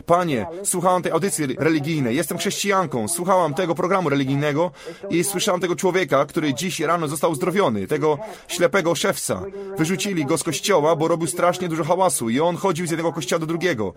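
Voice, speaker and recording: A man reading a translated sermon aloud in a measured, solemn way, with prayers for healing. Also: a little high, a crowd in the background.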